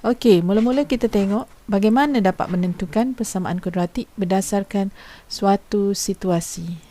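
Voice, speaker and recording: Patient woman teacher, mellow voice. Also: medium pitch, normal speed. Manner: patient explaining, poses questions to students; informal teacher's speech with frequent fillers. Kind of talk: recorded classroom lesson.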